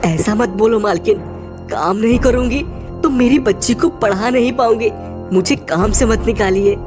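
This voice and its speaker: A woman voicing a poor hardworking maid and mother, soft and humble, in an animated story. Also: on the high side, normal speed, over music, close to an everyday voice.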